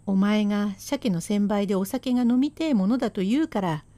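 A woman voicing a sharp-tongued, hardworking Edo wife who scolds her husband sarcastically and relentlessly, in rakugo storytelling. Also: medium pitch, moderate pace, dry recording, natural voice. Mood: scolding.

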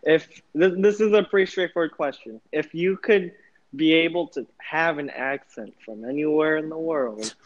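Young man hosting casual chat, easygoing, slightly high voice, lo-fi sound. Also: normal speed. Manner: easygoing, laughs often. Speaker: podcast host asking questions.

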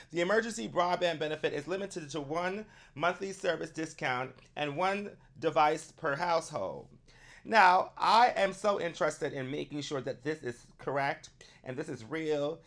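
A man's voice: a little high, a bit bright. A man giving casual commentary, thinking aloud in a rambling way as he goes. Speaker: vlogger checking a program.

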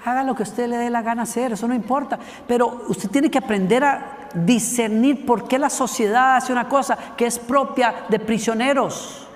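A man's voice: extremely high pitch, moderate pace, hardly any pauses, long reverb tail. A man preaching a sermon, telling stories emphatically and asking the audience questions.

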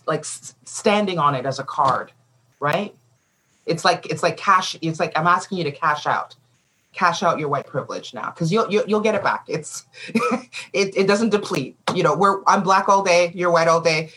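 A woman's voice: low voice, a bit bright, low-quality recording. Emphatic woman giving a live talk. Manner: emphatic, conversational, repeats phrases for stress. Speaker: speaker addressing a gathering on allyship. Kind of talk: passionate live talk to an audience. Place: room with an audience.

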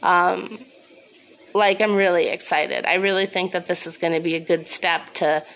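A woman's voice: lowish voice, steady tone, moderate pace, a bit bright, poor audio. A woman podcast host rambling casually and confessionally on her own, candid, sweary and self-deprecating, a little sniffly, recorded on a phone. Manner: snorting laugh.

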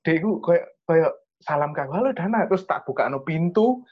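A man's voice: fairly high pitch, animated, normal speed, muffled recording. A young man with an East Javanese accent tells a personal story in casual chat, earnest and rambling. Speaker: storyteller sharing a testimony.

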